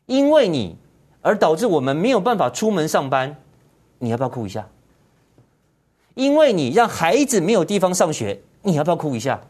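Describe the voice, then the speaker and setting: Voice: mid-range voice, very animated, brisk, long pauses, a little mellow, breathy edge. A political commentary host, ranting indignantly in heated commentary and firing off repeated rhetorical questions.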